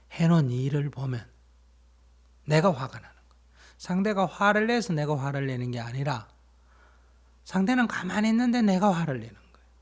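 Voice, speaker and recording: Male Buddhist teacher, dharma talk, slightly high voice, plain explanatory delivery with questions to the audience. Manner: plain explanatory storytelling, asks listeners questions.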